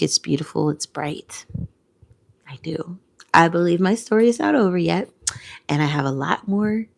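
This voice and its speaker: A woman talks into a close mic in a heartfelt vlog, tearful and sometimes sinking to a whisper. Her voice sits low, with a gravelly fry running through it, and she repeats her phrases. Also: darkish tone. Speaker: content creator. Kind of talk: emotional reflective vlog.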